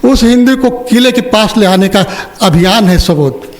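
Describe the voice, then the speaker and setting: An older man with a high voice, a spiritual teacher, speaks at a measured pace during a religious discourse in an ashram opening ceremony hall. He relates a story and asks those listening questions.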